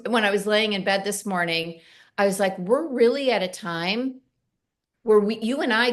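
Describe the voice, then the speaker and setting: A woman co-hosting a casual talk show, animated and quick to swear, often quoting her own thoughts aloud. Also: medium pitch. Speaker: co-host. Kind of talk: casual chat.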